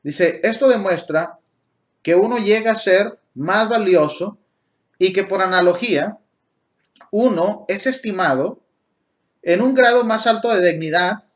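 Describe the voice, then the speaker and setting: A man's voice: sits high, measured pace. Spanish-speaking man teaching a Bible study. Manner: explains Greek word meanings, asks the listener questions, corrects himself.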